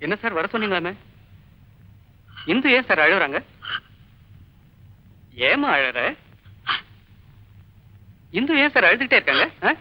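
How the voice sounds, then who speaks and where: An earnest wounded young student. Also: male voice, high-pitched, very animated, a little slow, pauses often. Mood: puzzled. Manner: pleading, repeats his phrases solemnly. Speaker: college student. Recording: dull old film soundtrack with music.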